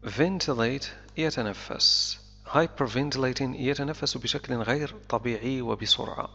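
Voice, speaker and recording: Gravelly guy explaining english words bit by bit, long reverb, kinda muffled. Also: medium pitch, unhurried, pushed and bright, faint music behind. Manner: explains word by word with short repeats. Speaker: English teacher. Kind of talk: explanatory language lesson.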